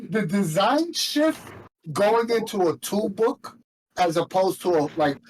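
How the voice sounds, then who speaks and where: A man's voice: high-pitched, sing-song, unhurried, a little mellow, a little hiss or hum, poor audio. A man from New York with a New York accent, co-hosting a casual chat and speaking in an opinionated, outspoken way. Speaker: co-host.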